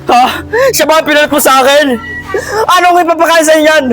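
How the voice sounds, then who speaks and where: A man's voice: very high voice, fairly even intonation, fairly quick, pushed and bright, faint music behind. A man voicing a hot-tempered, lovesick rich man who rants theatrically. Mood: jealous. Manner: dramatic, ranting, theatrical.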